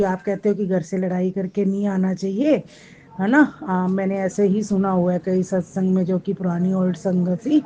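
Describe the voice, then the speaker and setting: A woman's voice: mid-range voice, mellow, highs cut off. A married woman earnestly tells a personal devotional story to a congregation, often quoting what she said to others. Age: adult, married with children. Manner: earnest storytelling, often quotes her own past words. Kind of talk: spoken devotional testimony.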